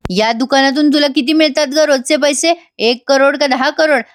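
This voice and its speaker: A woman's voice: a little high, steady tone, a little fast, natural voice. Woman doing a bullying male builder. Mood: threatening. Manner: scolding, bullying. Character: pushy threatening male builder.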